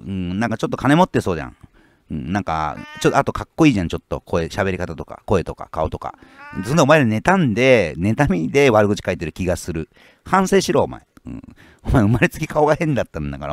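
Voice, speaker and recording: A man's voice: lowish voice, no room sound. A man, ranting casually as a fishing YouTuber and bluntly scolding his commenters, with many rambling fillers. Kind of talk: casual rant reading out viewer comments.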